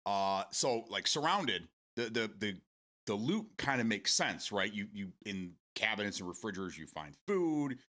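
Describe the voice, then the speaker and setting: A man's voice: on the low side, very animated, moderate pace, sharp tone. A man in his forties hosting a casual morning stream, rambling, repeating words and swearing casually as he answers viewer comments. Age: 40s.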